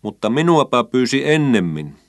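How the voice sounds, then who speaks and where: A man's voice: medium pitch, big pitch swings, dry recording, studio quality, pitched above the performer's own voice. Man putting on a sulky stubborn little boy. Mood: insistent. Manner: sulky, reluctant.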